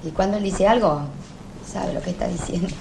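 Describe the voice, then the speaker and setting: A woman's voice: on the low side, brisk, gravelly, background noise. A weary, stubborn working-class mother. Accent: Rioplatense Spanish. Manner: impassioned, pleading, swings between hushed and fervent.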